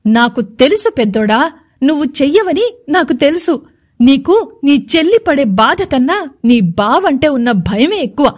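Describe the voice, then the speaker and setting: A woman's voice: high-pitched, sing-song, measured pace. A woman voicing a stubborn, agitated young woman who taunts and complains in a raised voice. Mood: resentful.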